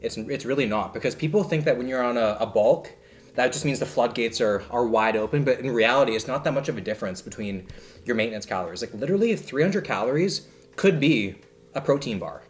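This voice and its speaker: A man's voice: mid-range voice, animated, a little fast. Joking young man vlogging. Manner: joking, chatty, explaining diet tips. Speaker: fitness vlogger. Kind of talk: casual vlog chat.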